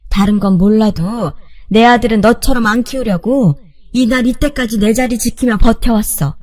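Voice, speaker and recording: A woman's voice: on the high side, a little mellow, close to an everyday voice. A woman playing a bitter, defiant older mother. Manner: scolding, cold contempt.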